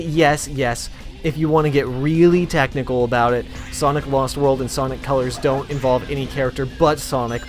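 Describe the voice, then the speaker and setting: A young man talking through a video game in a loose, rambling way, full of dry sarcasm and tangents. His voice sits in an ordinary middle register, and game music plays clearly beneath him. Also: mid-range voice. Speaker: let's play commentator. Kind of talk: casual gameplay commentary.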